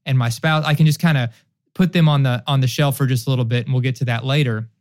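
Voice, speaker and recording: A man's voice: mid-range voice, steady tone, fast talker, a little mellow. A man co-hosting a podcast on marriage, talking earnestly in a casual way and acting out quoted voices. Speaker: podcast co-host.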